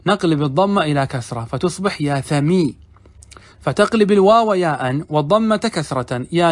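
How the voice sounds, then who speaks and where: Middle-aged male sheikh, higher-pitched voice, patient question-and-answer grammar teaching. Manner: explains step by step, asks the class questions and answers them himself; reads quoted text slowly and deliberately. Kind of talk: classroom commentary on a grammar text.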